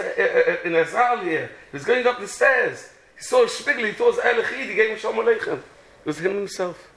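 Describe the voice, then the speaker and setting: A man's voice: high-pitched, vocal fry, fairly bright tone, slight background noise, poor audio. A man with a Yiddish-inflected British accent gives an impassioned religious sermon as a rabbi, mixing English and Yiddish and repeating phrases for emphasis. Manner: switches between English and Yiddish.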